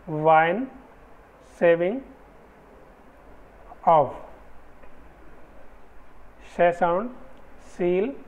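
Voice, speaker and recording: A man teaching English phonetics in a slow, patient lecture, repeating each example word with care. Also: high-pitched. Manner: patient, deliberate, repeats example words slowly. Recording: dull lo-fi recording.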